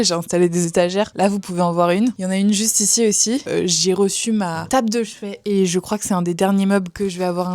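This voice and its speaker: A young woman vlogging in a casual, chatty way, self-mocking and quick to laugh. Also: medium pitch, a little mellow. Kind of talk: casual chat to camera.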